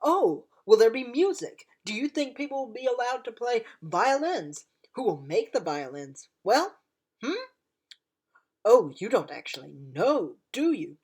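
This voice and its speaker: A woman's voice: a little high, big pitch swings, unhurried, husky, heavily acted. Woman acting a theatrical, impassioned war-weary veteran. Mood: taunting, probing. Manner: theatrical, swinging from hushed to shouted. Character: impassioned, unforgiving-yet-forgiving time-traveller war veteran pleading for peace. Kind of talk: dramatic monologue performance.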